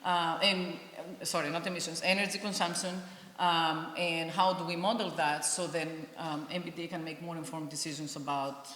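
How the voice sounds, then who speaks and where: A woman's voice: low voice, fairly even intonation, moderate pace, a bit bright. A middle-aged woman from Greece giving a friendly conference talk as an engineering professor, with frequent ums. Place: event hall. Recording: echoey hall with faint hiss.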